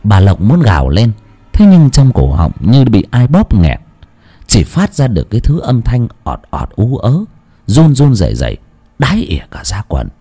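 Brief: male horror narrator, low, mellow voice with very lively pitch. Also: moderate pace, breathy edge. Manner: dramatic, expressive storytelling. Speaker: storyteller.

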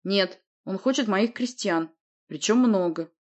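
A woman's voice: mid-range voice, unhurried, highs cut off, close to an everyday voice. A woman voicing a spiteful, scheming male dwarf prince who talks snidely. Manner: snide, sneering.

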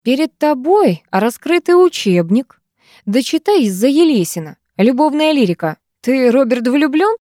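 A woman's voice: high voice, very animated, normal speed, dark tone, dry recording, clean studio sound, voice pushed up. A woman voicing a weary male literature teacher who scolds his class with patient irony.

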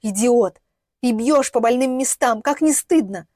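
A furious young mother from an audiobook, shrieking and scornful, her voice pitched up and loud, as the narrator puts her on. The reading is dry and close-miked. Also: lively intonation, measured pace, breathy edge, no room sound. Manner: shrill, scornful shouting.

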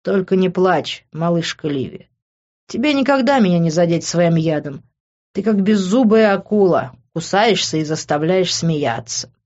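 A woman's voice: on the low side, very animated, moderate pace, slightly rough, lo-fi sound. A woman voicing an arrogant young man who drawls and taunts, in an audiobook read-through. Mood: mocking.

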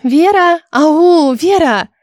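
A woman doing a cheerful young noblewoman in an audiobook, pitched high and bright. She teases and presses with a theatrical, insistent flair. The recording is close and dry. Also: expressive, normal speed, no echo. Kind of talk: audiobook character voice.

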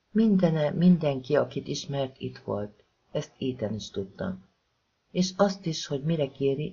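Audiobook narrator, husky and mellow, steady prose reading, lo-fi sound. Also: mid-range voice. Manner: calm, even reading of dialogue and prose. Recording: slightly dull lo-fi recording.

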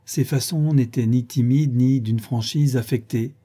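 A man reading a classic novel aloud as an audiobook, measured and even. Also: mid-range voice, husky. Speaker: audiobook reader. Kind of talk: scripted narration of a classic novel.

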